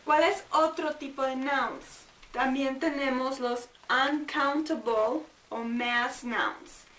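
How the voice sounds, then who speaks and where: High-voiced woman teaching, echoey room. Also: fairly even intonation, a bit bright, far from the mic. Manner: drills words slowly, repeating and sounding them out. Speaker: English teacher. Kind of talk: bilingual grammar lesson.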